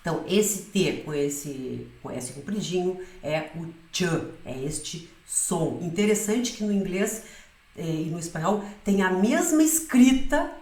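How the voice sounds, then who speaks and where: Woman teacher, lowish voice, patient pronunciation lesson, keeps checking in, echoey room. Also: animated, unhurried, warm tone. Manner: explains patiently, often checking with "né?" and "certo?".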